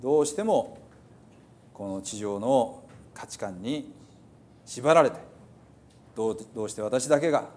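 Soft-spoken man praying. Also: medium pitch, expressive, slight background noise. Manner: soft, slow and reverent. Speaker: pastor. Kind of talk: spoken prayer.

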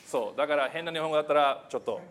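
A man whose first language is not Japanese, preaching a church sermon in a halting, light-hearted way, with many fillers and self-deprecating humor. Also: on the high side, noisy background.

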